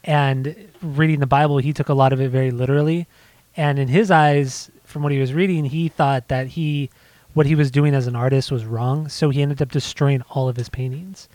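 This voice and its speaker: A man co-hosts a relaxed podcast chat and rambles through his points with plenty of restarts and fillers. He sounds winded, still catching his breath, and his voice is mid-pitched. The sound is close and dry, with no room around it. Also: moderate pace, no echo. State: out of breath after a bike ride. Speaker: podcast co-host. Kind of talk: casual music podcast chat. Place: home.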